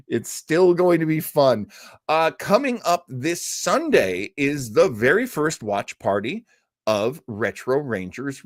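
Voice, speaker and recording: The host of a live-streamed radio nostalgia show, a man with a mid-range voice, chats informally and ramblingly with viewers, full of asides. He reads out live comments and answers them, recorded dry with clean studio sound.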